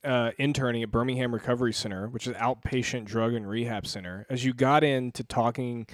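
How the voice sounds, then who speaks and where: A man's voice: medium pitch, fairly even intonation, brisk, dry recording, studio quality. A man co-hosting a church podcast, speaking in a reflective, affirming way. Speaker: podcast co-host. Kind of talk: casual discussion.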